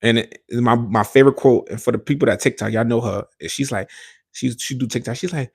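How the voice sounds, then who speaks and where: A man with a husky, gravelly voice hosts a casual solo podcast. He rambles, laughs off his own points and slips into quoted voices between slangy asides. His pitch sits in a middling range. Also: fairly quick. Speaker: podcast host.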